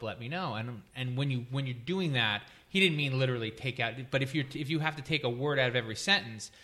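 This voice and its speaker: A man hosting a podcast, talking in a quick, animated way in casual chat. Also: mid-range voice.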